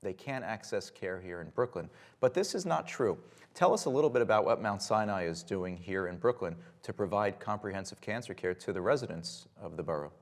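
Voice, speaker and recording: A man hosting a public television health interview, opening his lines with energetic emphasis. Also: lowish voice, fairly quick. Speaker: host.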